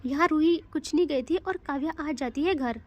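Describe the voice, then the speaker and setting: Woman storyteller, high voice, casual audio-story narration, chatty, conversational asides. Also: normal speed.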